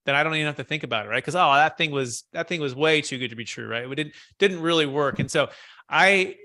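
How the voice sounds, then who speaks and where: A man hosts a casual webinar over a video call, talking earnestly and often restarting his sentences. His voice is bright, forceful and a little high. The sound is close and dry. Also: quick pace, dry recording. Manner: earnest, thinks aloud with restarts. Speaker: host of a commercial real estate mastermind call.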